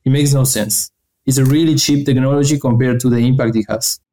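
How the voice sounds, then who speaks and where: A young man from Argentina, giving earnest, halting answers as an interview guest. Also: medium pitch, fairly even intonation, mellow, soft background music, rough recording. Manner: earnest, halting, restarts phrases. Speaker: guest researcher.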